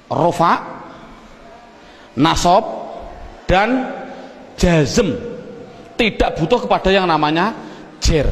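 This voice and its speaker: High-voiced male teacher, echoing room. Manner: drills with questions he answers himself. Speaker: Arabic grammar teacher. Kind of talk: classroom lecture.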